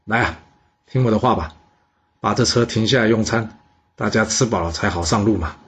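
A man doing an ancient king facing his end. He talks with tired calm. The voice is low and very husky, and it stays close to the narrator's own. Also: fairly quick. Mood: resigned. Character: doomed resigned ancient male king.

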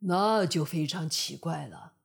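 A woman voicing a sly scheming lion, low and coaxing. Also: unhurried, vocal fry, breathy edge, full character voice. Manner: wheedling, flattering. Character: sly scheming male lion, smooth-talking.

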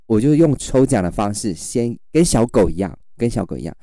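A man's voice: mid-range voice, a little fast, no room sound, clean studio sound. A man, a livestream seller telling stories in casual chat and acting out his customers. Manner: animated storyteller, acts out customers.

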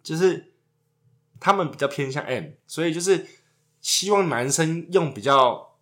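A man's voice: a little high, lively intonation, unhurried, a bit bright. A man, co-hosting a casual chat and trading crude jokes. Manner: joking, crude banter. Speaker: podcast co-host.

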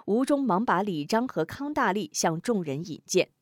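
A woman narrating a martial-arts story as an audiobook host, with an expressive storytelling cadence. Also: medium pitch, moderate pace, dry recording, clean studio sound.

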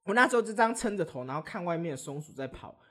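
A young man, co-hosting a podcast and telling stories in casual, animated chat. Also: high voice, very fast. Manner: animated storytelling, often laughing. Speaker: podcast co-host.

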